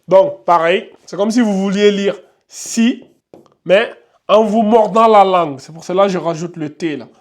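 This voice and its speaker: A man teaching beginners to read Quran letters, patient, with frequent fillers and repetition. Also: high voice. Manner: patient, repeats himself, many filler "donc" and "euh". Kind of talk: casual beginner lesson at a whiteboard.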